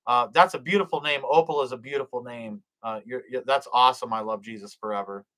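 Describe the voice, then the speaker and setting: Speaking fast in a medium-pitched, sharp voice, a middle-aged man hosts a live stream over a rough recording. He reads the chat, offers blessings to viewers and prays, his delivery hesitant and full of fillers and restarts.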